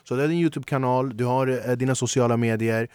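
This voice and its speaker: A man's voice: mid-range voice, fairly even intonation, a little mellow, clear, resonant tone, no echo. A man hosting a podcast in casual chat, asking easy questions and giving short replies. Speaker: podcast host.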